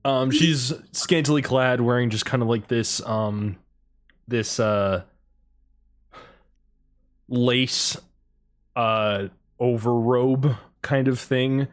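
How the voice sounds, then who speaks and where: A man's voice: medium pitch, slow, pauses often. Rambling game master guy, lots of ums. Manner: rambling, lots of ums, crude casual humor. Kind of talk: narrating a tabletop game.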